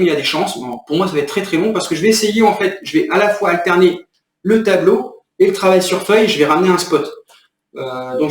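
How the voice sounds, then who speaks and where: Annoyed guy rambling to his camera, high voice, roomy echo, kinda far off the mic. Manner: irritated, rambling, restless. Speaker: video creator. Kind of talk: agitated talking-to-camera vlog. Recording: echoey room, off mic.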